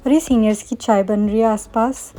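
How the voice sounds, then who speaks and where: Young woman vlogging, fast and chatty, bit high but warm and mellow, jokes about herself. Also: fairly even intonation. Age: young adult. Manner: self-mocking, playful asides. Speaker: medical student vlogger. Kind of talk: casual vlog chat. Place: student hostel room.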